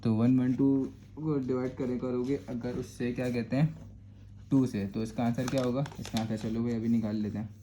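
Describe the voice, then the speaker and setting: A man's voice: mid-range voice, flat delivery, moderate pace, background noise. A man with a Karachi Urdu accent teaching a step-by-step math lesson, patiently repeating "thik hai" to check that students follow. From Pakistan.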